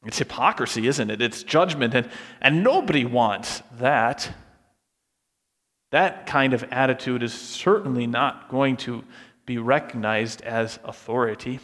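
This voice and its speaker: A man's voice: medium pitch, lively intonation, a little slow, a bit bright. A man preaching a sermon in an earnest tone, asking rhetorical questions and acting out the voices he quotes. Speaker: pastor. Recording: preached in a hall with long reverb.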